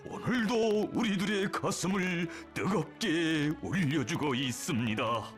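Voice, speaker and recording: High-pitched North Korean man, solemn documentary narrator. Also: slow, over music. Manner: solemn, reverent, emotive declamation. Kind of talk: scripted propaganda documentary narration.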